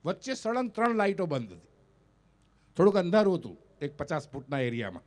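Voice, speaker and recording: Performing live on an event stage for an audience, a man in his fifties from North Gujarat, India, delivers comic stories in a North Gujarati accent. His voice is high-pitched and a little fast, and as a stand-up comedian and mimicry artist he animatedly acts out his characters' dialogue.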